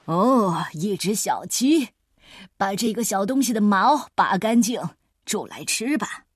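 Woman putting on a bossy ship captain, husky and curt, dry close sound. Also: mid-range voice, expressive, unhurried, no room sound. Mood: commanding. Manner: curt, commanding. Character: gruff, impatient male ship captain.

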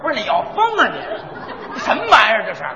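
A crosstalk performer leading a stage comedy routine, shouting and singing old street-hawker calls and mimicking regional vendor cries. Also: medium pitch, huge pitch swings, fast talker, some chatter behind. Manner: shouts and sings peddler calls, mimics dialects. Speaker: crosstalk performer, lead joker. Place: theater stage before a live audience. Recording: lo-fi live stage recording, hall reverb, audience.

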